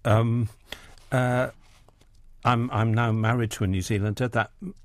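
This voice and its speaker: An Englishman in his sixties, a poet and editor, appears as a guest on a relaxed radio interview, discussing books and poetry. His medium-pitched voice holds a fairly even intonation at a measured pace, and his talk is full of ums and restarts.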